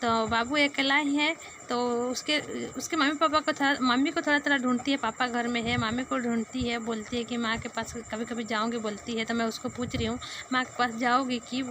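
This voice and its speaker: Higher-voiced woman with Sambalpuri Odia accent. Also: fairly even intonation, bright, forceful tone, slight background noise. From Sambalpur, Odisha. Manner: halting Hindi, searching for words. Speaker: vlogger. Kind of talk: casual vlog narration.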